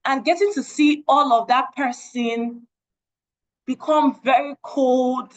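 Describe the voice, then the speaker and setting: A young woman with a Nigerian accent speaks in earnest, sharing a personal testimony with a group online. Her voice sits fairly high, and she leans on repeated phrases to drive her points home. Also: fairly even intonation, takes it slowly, low-quality recording. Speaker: guest speaker. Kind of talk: testimony talk at an online meeting.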